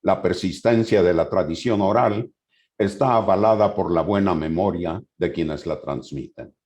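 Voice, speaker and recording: A low-pitched man with a darkish tone reads from his notes during a conference lecture. Afterward he explains each passage in a loose way, with hesitant pauses.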